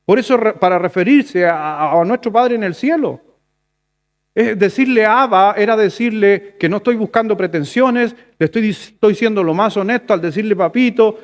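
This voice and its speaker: A male pastor with a Chilean Spanish accent preaching a sermon in a conversational way, rising to loud emphatic lines and dropping to soft asides. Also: high voice, moderate pace.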